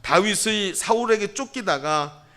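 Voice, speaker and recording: Lively man preaching a sermon. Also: sits high, measured pace. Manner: playful, mimics regional dialect phrases loudly. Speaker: pastor. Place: church sanctuary.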